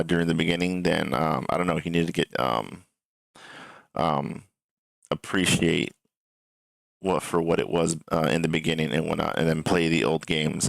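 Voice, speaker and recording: With an extremely low pitch and audible vocal fry, this streamer reacts to gaming news in a recording free of echo. His commentary is casual and wandering, hesitant and repetitive, peppered with casual cursing.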